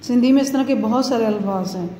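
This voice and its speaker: A woman teaching young children a lesson, repeating each word slowly and checking that they follow. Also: a little high, warm tone, a little hiss or hum. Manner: slow, repeating words for pupils to copy. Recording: echoey room.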